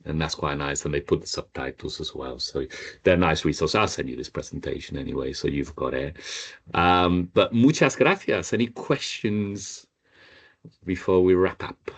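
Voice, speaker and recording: A man's voice: very deep voice, lively intonation, moderate pace, husky. A man teaching a Spanish class over a video call, patiently repeating each learner's answer. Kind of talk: online group language lesson.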